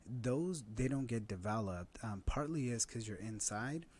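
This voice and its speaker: A man's voice: medium pitch, lively intonation, unhurried, darkish tone. A man in his thirties explaining parenting ideas in an earnest conversational way, often tagging points with "right?". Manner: earnest, uses "right?" as a tag. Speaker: guest expert on parenting.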